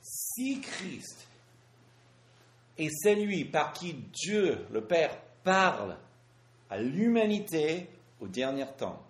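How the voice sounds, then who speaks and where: A man preaching in French at a slow pace, his pitch rising and falling in lively swings. He stops often for his interpreter and asks rhetorical questions, and the sound is echoey. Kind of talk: sermon with live interpretation.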